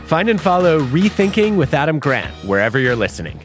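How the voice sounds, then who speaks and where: A man hosting a podcast, reading a friendly, lively promo. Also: fairly high pitch, a little fast. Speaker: podcast host. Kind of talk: scripted promo read. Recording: faint music bed.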